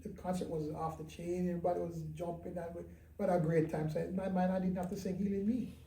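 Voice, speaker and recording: A man, a pastor and gospel singer, talking in an interview in a reflective, halting and candid way. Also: sits high, little pitch movement, dark tone. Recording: roomy sound from a distant mic.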